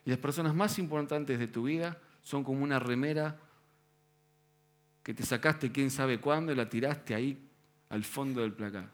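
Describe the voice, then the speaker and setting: A man preaching a sermon in a conversational Rioplatense accent, using casual slang and rhetorical questions. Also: mid-range voice. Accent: Rioplatense Spanish.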